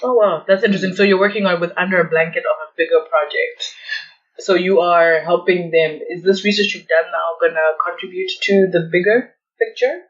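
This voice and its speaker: A podcast host with a fairly bright, high-sitting voice talks a little fast, chatting casually and encouragingly with his guest in an interview. The audio is dull and lo-fi.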